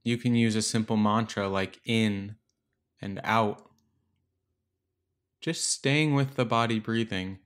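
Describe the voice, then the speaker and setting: Guiding a meditation, this man speaks in a lowish, clear and resonant voice. His instructions are gentle and unhurried, separated by long pauses.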